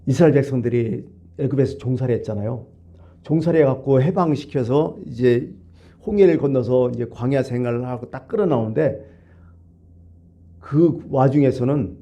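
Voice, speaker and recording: A male pastor preaching a conversational, storytelling sermon at a church, swinging between hushed asides and animated bursts, in a dull lo-fi recording. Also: medium pitch, normal speed. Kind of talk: Wednesday service sermon.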